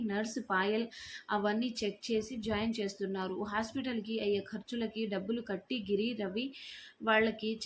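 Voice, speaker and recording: A woman at home telling a horror story aloud in an expressive, dramatic reading manner. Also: mid-range voice. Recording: faint background noise.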